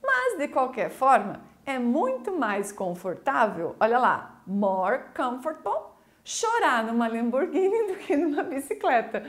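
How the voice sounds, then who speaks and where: Brazilian woman teacher, recorded video lesson, fairly high voice, coaxing and lively, unhurried. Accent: Brazilian Portuguese. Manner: lively, coaxing, slow deliberate explanations. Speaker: English teacher.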